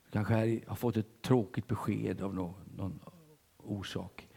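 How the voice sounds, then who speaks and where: Older Swedish-speaking preacher, husky and dark. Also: male voice, fairly low pitch, big-room sound. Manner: animated storytelling, swings between loud and hushed. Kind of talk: sermon. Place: church.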